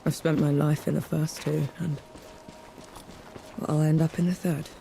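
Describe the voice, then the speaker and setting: A woman's voice: low voice, flat delivery, a little slow, vocal fry, warm tone, slight background noise. A woman voicing a tough young woman soldier who talks in a blunt, plain-spoken and wry way. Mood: somber.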